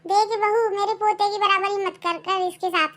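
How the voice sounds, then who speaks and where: A voice actor playing a stern old grandmother in a Hindi cartoon, shrill and commanding as she scolds her family. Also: fairly even intonation, normal speed, bright, forceful tone. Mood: bossy. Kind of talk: cartoon voice acting.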